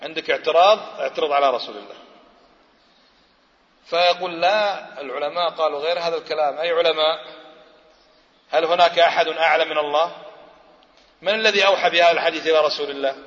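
High, bright-voiced preacher in echoing hall. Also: male voice. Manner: questions the audience and answers himself, emphatic. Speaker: Islamic preacher. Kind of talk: religious lecture. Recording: muffled lecture hall recording with long reverb.

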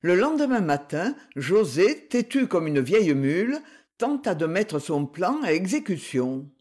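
Expressive audiobook narrator. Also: mid-range voice, unhurried. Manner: even, storytelling reading. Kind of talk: scripted narration.

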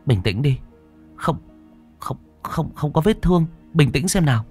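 A man voicing a fierce young female spirit medium who shouts urgent commands. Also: on the high side, animated, a little slow, slightly rough, faint music behind, voice pushed up. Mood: firm.

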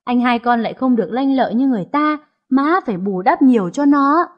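The figure is an aging mother , played by a woman narrator, who scolds with sharp words. The voice sits high and slightly husky, in a read-aloud audio story. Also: animated, brisk, highs cut off. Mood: earnest. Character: stern grieving elderly mother, family matriarch.

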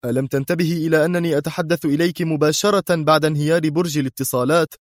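A man's voice: high-pitched, normal speed, darkish tone, no room sound, clean studio sound, voice pushed up. A man voicing a cold, hidden male mastermind who speaks harshly and sternly through an altered, mechanical-sounding voice.

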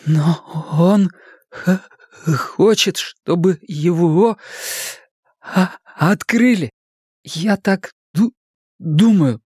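A man's voice: sits high, very slow, pauses often, darkish tone, breathy edge, no echo, clean studio sound, pitched above the performer's own voice, full character voice. A man voicing a frightened young boy who stutters on first syllables. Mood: uneasy.

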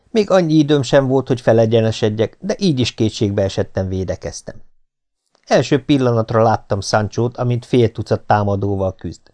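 A man narrating an adventure novel in the first person as an audiobook, in a steady, measured reading. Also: mid-range voice.

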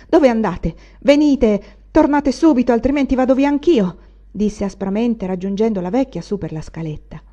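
A woman narrating a literary audiobook in a measured, expressive way. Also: medium pitch, muffled recording. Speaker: audiobook reader.

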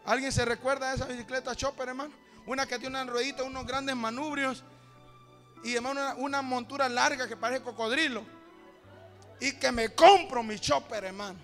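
Music plays beneath a very high-pitched, brisk Honduran pastor whose intonation stays fairly even. Preaching a folksy, story-driven sermon, he keeps calling his congregation brother before building to shouted praise at the close.

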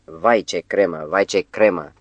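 A man's voice: low voice, no echo, dull audio. A man voicing an exultant young woman newly turned witch, staying close to his own reading voice.

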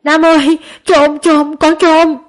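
A woman voicing a frightened elderly grandmother who cries out in desperation, with shrill, tearful shouts. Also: flat delivery, slow pace. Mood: panicked. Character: frightened old grandmother crying out in despair.

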